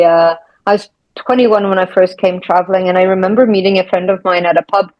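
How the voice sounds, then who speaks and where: A woman's voice: medium pitch, a little mellow, no echo. A young adult woman, a podcast host telling a personal story in casual conversation. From South Africa. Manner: storytelling, reflective. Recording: dull, dry sound.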